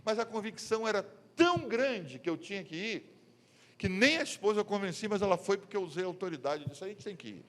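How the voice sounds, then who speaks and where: High-voiced Brazilian pastor preaching in a reverberant hall. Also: male voice, lively intonation, fast, a bit bright. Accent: Brazilian Portuguese. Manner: storytelling, acting out the voices in his stories. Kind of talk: sermon. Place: church conference hall. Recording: long reverb of a church hall.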